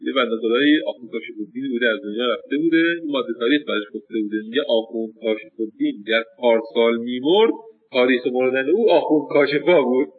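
A man's voice: medium pitch, husky. Man lecturing over a tinny distant recording. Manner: thinking aloud, many hesitations and restarts. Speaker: seminary teacher. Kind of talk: lecture on names and pronunciation.

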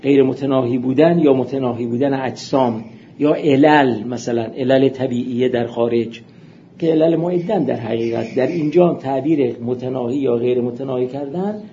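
A man giving a seminary philosophy lecture, explaining texts in a measured way and reading out quotations. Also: mid-range voice, dark tone. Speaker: philosophy teacher. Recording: muffled lo-fi recording with faint hiss.

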